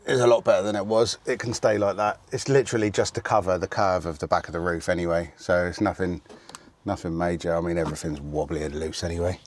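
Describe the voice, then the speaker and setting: A man's voice: sits low, flat delivery, quick pace. A middle-aged man from the UK vlogging casually inside a motorhome, muttering and grumbling to himself as he works on repairs. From United Kingdom. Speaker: travel vlogger. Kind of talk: casual self-talk while doing repairs. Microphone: camera mic set down nearby. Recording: noisy camera recording with clicks.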